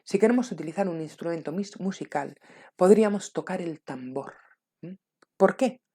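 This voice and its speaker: A woman giving a calm spiritual talk, softly checking in with her listeners and sometimes dropping to a near whisper. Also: lowish voice, normal speed, breathy edge. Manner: calm, soft-spoken, checks in often with "¿m?" and "¿vale?". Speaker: spiritual teacher.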